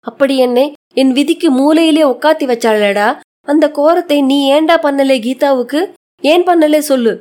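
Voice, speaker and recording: A woman's voice: sits high, normal speed, a little mellow, natural voice. A woman reading a short story aloud, voicing an aged widowed grandmother who reproaches and pleads in old-fashioned homely speech. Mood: reproachful. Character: aged widowed grandmother, grieving yet resolute.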